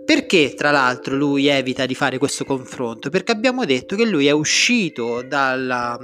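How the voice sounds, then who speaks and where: A man, a teacher, reads a passage from a novel aloud and then explains it to students in a steady, measured way. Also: mid-range voice, faint music behind.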